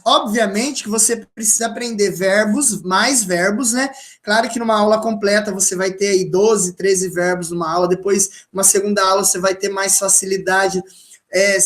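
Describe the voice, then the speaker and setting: A Brazilian woman teaching beginner English, with a Brazilian Portuguese accent, speaking slowly and patiently and repeating model sentences for her students. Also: medium pitch, roomy sound.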